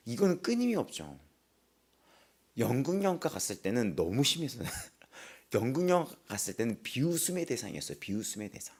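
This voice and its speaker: A man's voice: medium pitch, husky. A man preaching an early-morning sermon as a pastor, telling personal stories with laughter and acting out the voices of others. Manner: animated storytelling with frequent laughter; acts out quoted voices.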